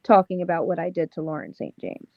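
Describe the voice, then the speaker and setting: A young pro wrestler from Las Vegas, Nevada, with a thick Long Island accent, chats casually and slangily in an interview, packing her talk with "like" and "um." She talks fast in a lowish, steady voice, and the recording is dry and muffled.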